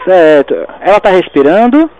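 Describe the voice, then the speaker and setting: A man, an emergency doctor giving steady, repeated step-by-step instructions over the phone. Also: high voice, normal speed, dull audio.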